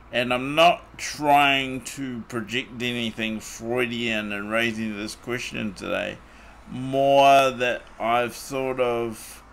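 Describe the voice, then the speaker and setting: A man's voice: medium pitch, gravelly, fairly bright tone, slight background noise. A man hosting a podcast in casual chat, rambling with lots of fillers and restarts. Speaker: podcast host. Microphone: desktop mic on a voice call.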